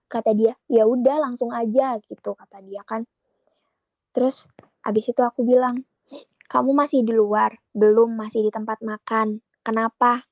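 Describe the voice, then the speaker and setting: This guest, a young woman on the high side vocally, casually recounts a relationship conversation for a podcast host, voicing both sides. There's no echo, though the high frequencies are cut off.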